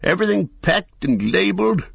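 A man putting on a fussy, excitable old hobbit who flutters high and swoops about in his speech, with a husky, gravelly edge underneath. He talks in eager, breathless bursts. The storybook recording is dry and a little dull. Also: a little fast, no room sound, full character voice. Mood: elated.

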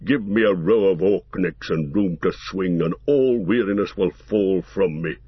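A man voicing a gruff booming dwarf warrior. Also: unhurried, dry recording, highs cut off. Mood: weary.

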